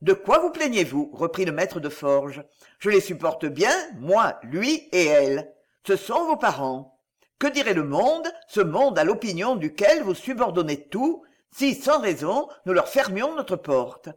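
A man's voice: high voice, sing-song, measured pace, exaggerated voice. A man playing a proud ironmaster husband who speaks severely, coldly and mockingly.

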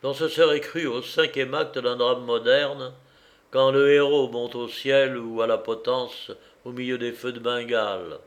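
A man reading a literary story aloud in a slow, measured, expressive way. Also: medium pitch. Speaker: audiobook reader. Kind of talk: literary narration.

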